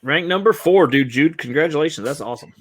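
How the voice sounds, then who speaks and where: A man's voice: on the high side, lively intonation, fast. A man hosting a live stream, chatting casually and playfully reading out viewer ranks. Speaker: stream host.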